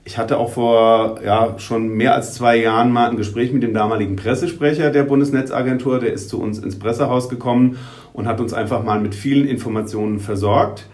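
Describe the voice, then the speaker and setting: A man of middle pitch explains things slowly as a guest on a podcast, stopping often with "er" and starting his sentences over. He speaks as a local newspaper editor. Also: fairly even intonation, a little mellow. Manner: hesitant, many ers and restarts while explaining. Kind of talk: podcast interview.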